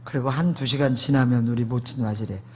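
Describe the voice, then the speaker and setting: A man's voice: medium pitch, fairly even intonation, brisk, darkish tone, a little hiss or hum. A man preaching a sermon testimony, emphatic, asking the congregation rhetorical questions.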